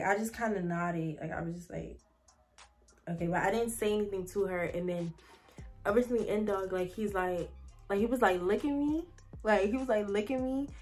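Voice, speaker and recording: A young woman telling a story straight to camera, chatty and rambling, filling her sentences with "like" and calling her viewers "y'all." Her voice sits at an ordinary middle pitch, and faint music plays behind her. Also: a little mellow. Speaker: vlogger. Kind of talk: casual storytime.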